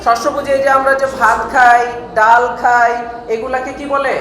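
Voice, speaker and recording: A man's voice: very high voice, little pitch movement, normal speed, crowd noise. Patient male teacher drilling a class, echoey room. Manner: drills pupils with question-and-answer and repetition; patient, explains pronunciation step by step. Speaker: English teacher. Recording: echoey hall with faint noise.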